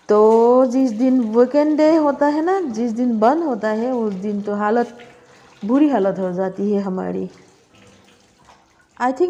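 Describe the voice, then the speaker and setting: A middle-aged woman chatting casually in her home kitchen as she cooks, speaking slowly and deliberately with pauses. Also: a little high, warm tone, dull audio. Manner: slow, deliberate talk with pauses. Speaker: cooking vlogger. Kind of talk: casual cooking vlog chat.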